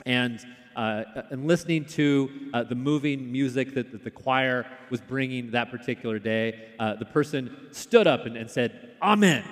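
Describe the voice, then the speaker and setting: A male pastor delivers a sermon in a relaxed storytelling manner, often pausing on fillers and restarting his phrases. His voice sits at an ordinary middle pitch for a man. It rings with the long reverb of a church sanctuary.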